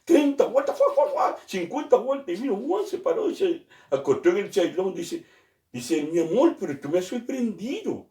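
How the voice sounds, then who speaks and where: Animated joke-telling man. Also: high-pitched, moderate pace, roomy sound, far from the mic. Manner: animated, laughs at his own jokes, acts out characters. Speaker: comedian telling jokes.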